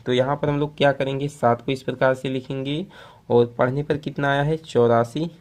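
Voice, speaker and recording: A man teaches long division step by step, patient and repetitive. His voice sits at a middling pitch. He chants the times tables in a sing-song rhythm. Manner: patient, repeats points, addresses viewers as friends. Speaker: math teacher.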